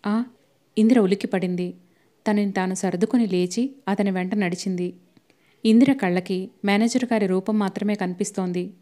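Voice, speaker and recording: A woman narrating a novel as an audiobook, in a steady, expressive storytelling manner. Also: medium pitch, moderate pace.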